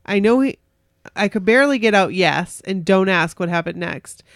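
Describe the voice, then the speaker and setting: A woman co-hosting a podcast chats casually and reads stories aloud, giggling, gushing and reacting excitedly. Her voice is mid-range and creaky at a moderate pace, recorded with studio quality and no echo.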